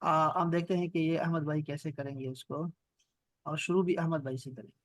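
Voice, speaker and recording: A man with a Pakistani Urdu accent teaches an online class over a video call. His voice sits high and sounds dry and close to the mic. He repeats words patiently and checks in with his students often. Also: fairly even intonation, dry recording. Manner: patient, repeats words slowly for students, asks "theek hai?". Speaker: Arabic and Quran grammar teacher.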